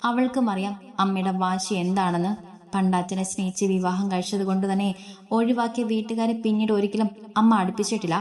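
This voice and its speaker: A woman reading a serialized family drama aloud in a steady, descriptive narrating manner. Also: mid-range voice. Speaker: storyteller.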